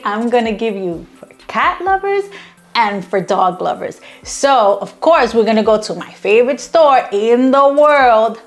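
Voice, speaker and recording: A woman in her fifties talks straight to her viewers in a warm, gushing way, as if chatting with friends. She drifts into self-mocking asides about her glasses and her pronunciation. Faint music plays quietly underneath. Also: on the high side. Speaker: craft tutorial host. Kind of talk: casual chatty tutorial.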